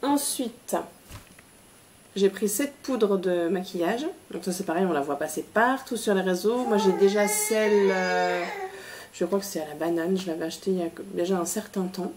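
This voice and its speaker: A woman's voice: mid-range voice, normal speed, a little mellow, slight background noise. A woman presenting a shopping haul in a casual, hesitant way, with many fillers and restarts.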